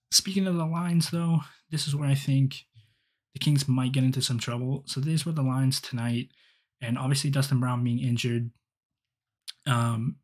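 A young hockey fan podcaster rambles through solo commentary, full of ums and restarts, in a medium-pitched, darkish voice. He's recorded on a headset with webcam framing in a small, dim room.

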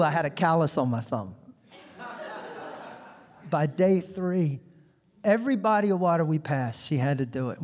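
Animated male stand-up comedian. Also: fairly high pitch. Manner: animated conversational storytelling. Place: comedy club stage. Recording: long reverb of a comedy club.

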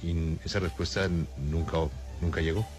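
Low-voiced male radio news host. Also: fairly even intonation, moderate pace. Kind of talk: live news discussion.

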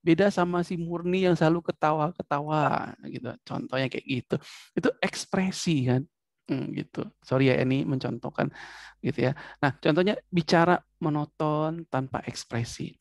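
Man, teacher, classroom lecture, acts out little examples, rough fry in the voice, dry sound. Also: a little high, moderate pace, dry recording. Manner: animated, acts out short examples. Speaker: psychology teacher.

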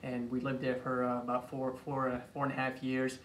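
A young Iraqi man in his late 20s, a chiropractor being introduced, tells a personal story in a casual interview. His mid-range voice is completely flat and slightly bright, and he speaks haltingly, repeating words and phrases. A phone camera a few feet away captures him in a small, echoey office with faint background noise.

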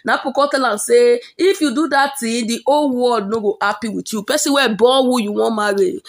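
A woman with a Nigerian Pidgin accent telling celebrity gossip in a dramatic, animated storytelling manner. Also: on the high side, vocal fry.

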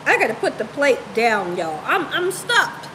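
A woman in her thirties or forties hosts a cooking livestream from a room in her home, chatting with viewers in a playful, casual way and repeating phrases for emphasis. Her voice is high and very animated, her pace measured, and there's noise in the background.

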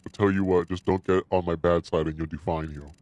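A man speaking through a voice changer that morphs his voice deep, voicing a gruff male detective and manager in a game with friends, with improvised, halting lines. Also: steady tone, darkish tone, dull audio. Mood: smug. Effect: deep voice changer altering his voice.

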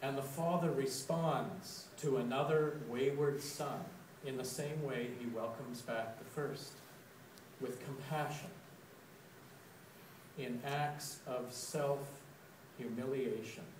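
Slow-speaking man preaching in an echoey church. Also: medium pitch, fairly even intonation, a little mellow, a little hiss or hum. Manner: slow, deliberate storytelling, with dramatic quoted outbursts. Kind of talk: sermon reflection. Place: church sanctuary. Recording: echoey church, recorded from a distance.

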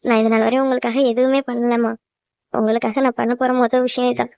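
A woman's voice: a little high, flat delivery, fast talker, gravelly, darkish tone, no room sound, muffled recording. A woman voicing a young cartoon bride, a devoted daughter who teases and reassures her mother. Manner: teasing, reassuring, chatty. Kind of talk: cartoon voice acting.

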